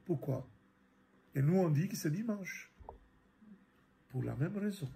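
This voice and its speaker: Slow, gravelly priest teaching scripture. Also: male voice, fairly high pitch, animated, mellow, a little hiss or hum. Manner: slow, halting, repeats words, many fillers. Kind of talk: catechism lesson reading and explaining scripture.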